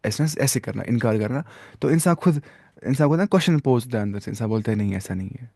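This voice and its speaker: Mellow-voiced man teaching Arabic grammar. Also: mid-range voice, lively intonation, dry recording, studio quality. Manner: explains in Urdu mixed with English, reads Arabic examples slowly; conversational, with fillers and self-corrections. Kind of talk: explanatory grammar lesson.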